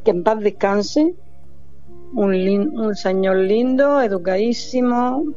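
An older woman from Almería with an Andalusian accent, chatting warmly as a caller on a night radio show, laughing often. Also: mid-range voice, slow, lo-fi sound, faint music behind. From Almería, Spain.

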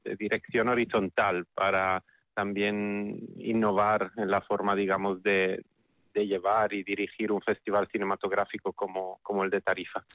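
A man's voice: lowish voice, flat delivery, moderate pace, no room sound, dull audio. Italian-accented man on a radio interview. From Italy. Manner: thoughtful, repeats words as he searches for them. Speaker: festival director and spokesperson.

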